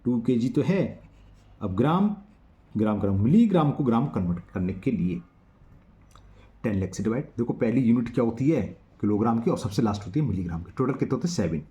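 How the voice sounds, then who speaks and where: A man's voice: mid-range voice, expressive, fairly quick, warm tone. A man teaching a maths exercise to children, patiently counting digits aloud and checking that they follow.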